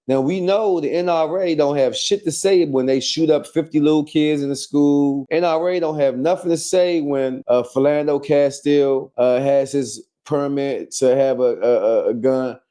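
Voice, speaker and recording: Blunt profane man, dark voice. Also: a little high. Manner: blunt and profane, rambling with fillers. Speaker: podcast host. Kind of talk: casual chat.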